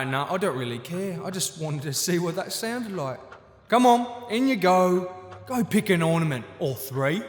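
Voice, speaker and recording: An actor playing a smug, mocking underground king who chuckles at his victims in a fantasy audio drama. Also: sits high. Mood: taunting. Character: gleeful smirking male Nome King, mocking villain of a mountain. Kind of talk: full-cast fantasy audio drama acting. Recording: roomy, long cavernous reverb.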